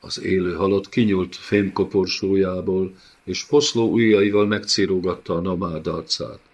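A man narrating an audiobook in a measured, dramatic way. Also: low voice, steady tone, darkish tone. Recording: dull lo-fi audiobook recording.

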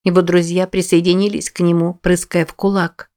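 A woman narrating a first-person story in a measured, somber reading. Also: fairly low pitch, level tone, a little mellow. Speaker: audiobook narrator.

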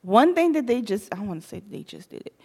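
A young woman co-hosting a radio talk show, chatting in an animated, easygoing way. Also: a little high, quick pace, slightly rough. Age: young adult. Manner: chatty, animated, laughs easily. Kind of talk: casual chat.

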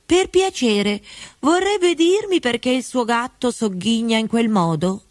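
Woman playing a polite, inquisitive young girl, gentle lift, storybook. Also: fairly high pitch, animated, a little slow, no echo, voice pushed up.

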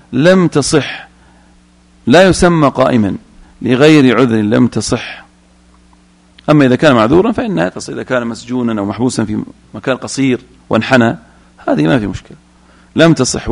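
A man's voice: mid-range voice, gravelly. A man teaching Islamic jurisprudence, reading a line from a text and then explaining it, often putting questions to his students.

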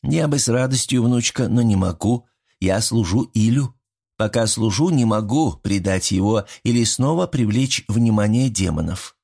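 A man voicing a calm, soft-spoken but insistent old grandmother spirit in a fairy tale. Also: on the low side, moderate pace, vocal fry, breathy edge, full character voice. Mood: calm, firm.

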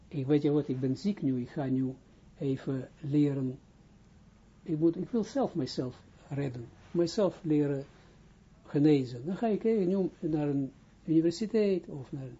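Male rabbi, informal lesson, husky voice, fairly high pitch, halting, checks understanding, dull lo-fi recording. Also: warm tone. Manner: halting, restarts phrases, keeps checking understanding. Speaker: rabbi teaching Kabbalah.

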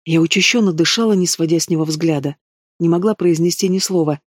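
Man, fantasy audiobook narration, expressive and steady, slightly high pitch, dry booth. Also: brisk, no room sound. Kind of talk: scripted narration.

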